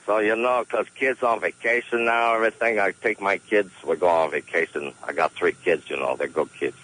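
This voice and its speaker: A scheming, chatty caller mangles his English as he pitches his bright ideas, played by a man. The voice sits fairly low, with a faint hiss running under the radio call-in comedy bit. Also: steady tone, fairly quick, poor audio. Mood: jokey. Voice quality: broken English. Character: hustling male caller, broken English, folksy schemer. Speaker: comic call-in character.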